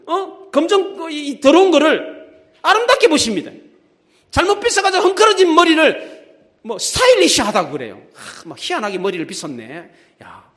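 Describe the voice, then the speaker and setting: A middle-aged man preaching a sermon in a church, telling stories vividly, swinging from loud exclamations to hushed, low lines. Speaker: pastor. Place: church sanctuary.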